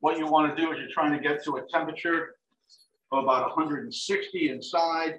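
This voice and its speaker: A middle-aged chef and dining services director gives a relaxed live cooking demo in a large home kitchen, walking through each step with frequent "um" and "like I said," as turkey sizzles in a pan. Caught by a fixed camera across the counter, his fairly high, slightly fast voice sounds distant in the echoey kitchen, with faint hiss and cut-off highs.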